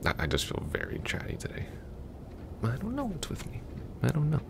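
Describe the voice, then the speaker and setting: Over a noisy background, a young man in full character voice acts as an affectionate, goofy, chatty long-distance boyfriend for a roleplay audio. His very deep, gravelly voice swoops wildly in pitch as he speaks a little fast, casual, rambling and hesitant, in a tender, affectionate mood.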